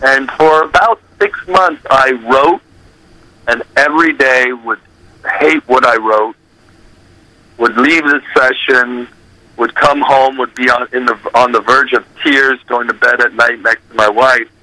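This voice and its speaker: Animated man with a very bright voice. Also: mid-range voice, unhurried, dry recording, low-quality recording. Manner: animated, acts out quotes and scats melodies; swears casually. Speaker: recording artist. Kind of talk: casual storytelling in an interview.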